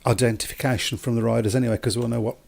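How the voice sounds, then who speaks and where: A man hosting a sports podcast in casual chat, relaxed and hesitant with many fillers. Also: mid-range voice, racing, vocal fry. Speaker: podcast host.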